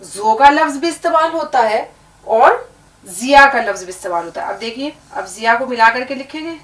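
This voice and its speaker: Woman teacher, high voice, echoey room, mic kinda far off, slow patient spelling. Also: lively intonation, fairly bright tone. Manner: patient, spells out letters one by one. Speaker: Urdu teacher. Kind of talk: language lesson.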